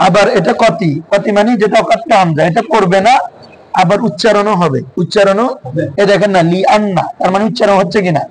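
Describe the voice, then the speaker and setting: High-voiced man quizzing his class. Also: fairly quick, low-quality recording. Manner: quizzing students with repeated questions. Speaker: teacher. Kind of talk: classroom lesson.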